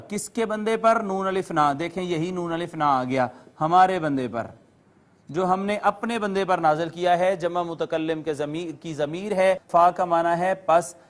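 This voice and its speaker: High-voiced man teaching a patient lesson. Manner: patient, explains word by word and recites Arabic terms slowly. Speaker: Quran teacher. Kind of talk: recorded classroom lecture to viewers.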